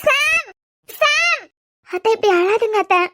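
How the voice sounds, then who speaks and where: A woman's voice: very high voice, expressive, measured pace, noisy background, voice pushed up. A woman voicing an alarmed young woman in a cartoon series, urgent and protesting, with a Kanyakumari Tamil accent. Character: anxious young woman, the son's bride-to-be. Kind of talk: cartoon web series voice acting.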